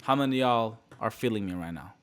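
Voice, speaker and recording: A young man from the Middle East giving a passionate live motivational talk to his audience, repeating phrases and swinging from loud bursts to hushed, quiet lines. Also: on the low side, lively intonation, fast. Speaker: motivational speaker.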